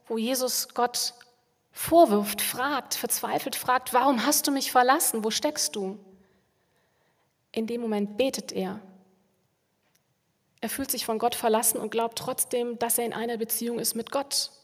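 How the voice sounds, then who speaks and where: Calm reflective woman pastor, reverberant. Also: fairly high pitch. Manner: calm and reflective, repeats phrases for emphasis. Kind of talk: spiritual reflection on prayer. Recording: long hall reverb.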